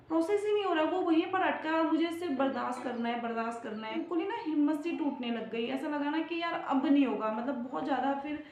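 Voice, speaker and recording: High-voiced woman telling a personal story. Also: darkish tone. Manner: emotional, confiding, frequent fillers. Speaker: vlogger. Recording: roomy, slightly dull home recording.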